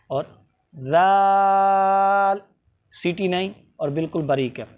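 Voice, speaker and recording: A man teaching a tajweed lesson, explaining slowly and drawing out letter sounds to demonstrate them. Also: high voice, darkish tone. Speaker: Quran recitation teacher.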